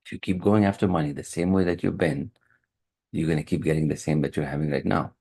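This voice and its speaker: Very deep gravelly-voiced male coach. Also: steady tone, mellow. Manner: earnest, repeats key phrases, pauses and restarts. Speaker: high performance coach. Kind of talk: motivational lesson. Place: online meeting room. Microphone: computer mic on a video call.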